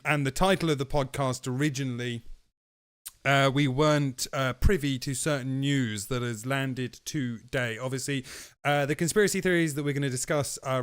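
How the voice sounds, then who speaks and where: A man's voice: medium pitch, fairly bright tone, smooth, no echo, clean studio sound. A man co-hosting a podcast, chatting casually and rambling with frequent laughs. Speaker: podcast co-host. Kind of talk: casual chat.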